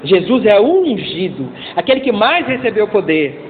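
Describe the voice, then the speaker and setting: Male pastor, conversational sermon, asks the congregation for replies, high-pitched, long church reverb. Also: very animated, normal speed, slight background noise. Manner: conversational preaching with acted-out voices and call-and-response. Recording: echoey church hall over a tinny line.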